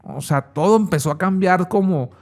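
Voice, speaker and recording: A man's voice: high voice, normal speed. A man, telling his personal testimony in a casual, slangy way as an interview guest.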